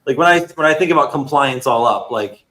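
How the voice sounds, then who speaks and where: A man's voice: medium pitch, animated, a little fast, a bit bright, rough recording. A man co-hosting a casual livestream, asking questions in a loose, musing way full of likes. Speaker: co-host.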